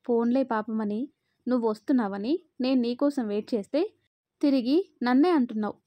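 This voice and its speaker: A woman's voice: on the high side, brisk, no echo, lo-fi sound, natural voice. A woman voicing a sulky young bride. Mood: hurt. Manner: hurt, petulant.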